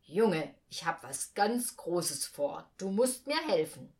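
A woman reading a storybook aloud, voicing a kind, secretive older man with a lowered, gruff voice. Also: animated, slow pace, darkish tone. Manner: mysterious, gruff and hearty.

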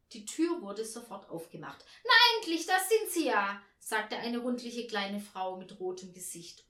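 A woman narrating a Christmas storybook expressively and voicing each character. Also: medium pitch. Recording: roomy echo.

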